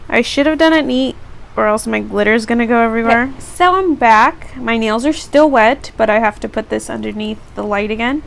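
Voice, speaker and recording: A woman's voice: fairly high pitch, fairly quick, vocal fry. A teenage girl vlogger casually narrating each step of a beauty tutorial. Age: teens.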